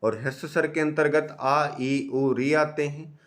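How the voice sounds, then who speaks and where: A man teaching an exam-prep grammar lesson, asking the class questions and answering them himself, slowly drawing out each vowel sound he demonstrates. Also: fairly high pitch, fairly even intonation, fairly bright tone. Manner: stretches out sounds slowly when pronouncing vowels.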